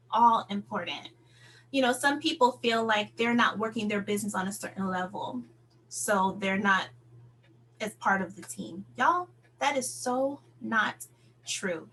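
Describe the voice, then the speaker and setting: Her voice is on the high side with a fairly bright tone as she delivers a motivational talk to her sales team over a call, upbeat, conversational and emphatic. The audio is poor, with audible background noise and hum.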